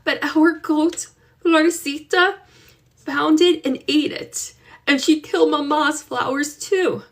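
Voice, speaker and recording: A woman reading aloud and voicing a young girl who is upset and grieving, in a high, strained voice. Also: fairly even intonation, takes it slowly. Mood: tearful.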